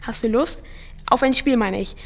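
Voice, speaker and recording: A woman voices a cocky yet grieving Earth teenager in an audio drama, speaking slangy, casual teen talk at a moderate pace in a slightly high voice. Music plays beneath the recording.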